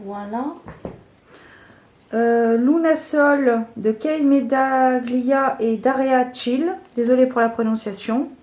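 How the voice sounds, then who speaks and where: A woman casually showing her favourite tarot cards, talking hesitantly with many fillers. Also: high voice. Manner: slow, soft-spoken. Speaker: tarot vlogger.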